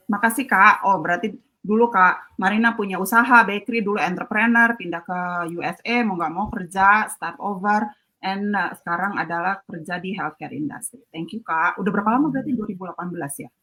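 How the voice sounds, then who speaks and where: A woman's voice: mid-range voice, brisk, sharp tone. A woman hosting an online talk, friendly and mixing English phrases into her speech over a video call. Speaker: host.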